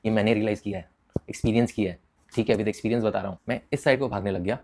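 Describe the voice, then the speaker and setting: Rapid, lower-voiced young Indian guy telling a crude, animated story to camera. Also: creaky, slight background noise. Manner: animated, mixes English into Hindi, swears freely. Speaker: vlogger telling a personal story. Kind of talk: casual storytelling with crude slang.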